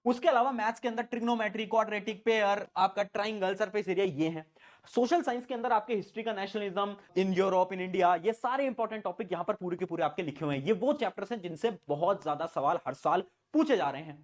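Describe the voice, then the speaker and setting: A man's voice: high voice, quick pace. A young man tutoring students online, giving a motivational exam-prep talk that speaks straight to them and repeats his points. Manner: pep-talk, addresses students directly, repeats phrases. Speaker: online tutor for board exams. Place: indoor room, standing before camera.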